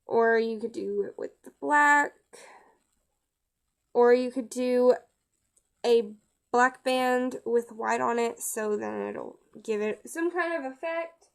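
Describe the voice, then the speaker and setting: A woman giving a casual step-by-step craft tutorial, chatty and halting with frequent restarts. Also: fairly high pitch, creaky.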